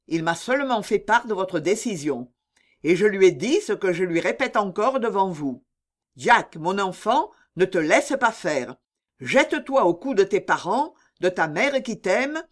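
A reader voicing an indignant male doctor who pleads passionately with a mother, in an audiobook reading. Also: mid-range voice. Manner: impassioned, pleading.

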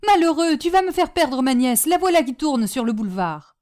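A domineering old aunt snaps out orders and mockery, voiced by a woman reading a storybook. Her voice sits high and pushes loud. She sounds scornful and sure of her own power. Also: big pitch swings, fairly quick. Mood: frantic. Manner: sharp, mocking, commanding. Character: domineering stubborn older aunt, scornful and scolding.

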